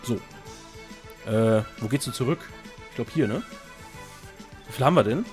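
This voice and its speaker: A man's voice: medium pitch, lively intonation, moderate pace, music in the background. A young man casually chatting while playing and answering viewer questions, joking at his own expense. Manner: chatty, self-mocking, jokey. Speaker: let's play host. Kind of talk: casual gaming commentary.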